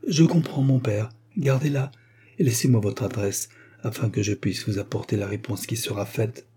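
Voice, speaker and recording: A man's voice: on the low side, normal speed, dark tone, natural voice. A man voicing a kindly, earnest young Orthodox priest.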